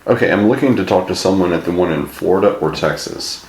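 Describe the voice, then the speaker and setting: A man with a low-pitched, expressive voice calls a customer service line, speaking fast with a slightly mellow tone. He's casual, a bit hesitant yet persistent in his inquiry. The recording has an echoey room sound and clear background noise.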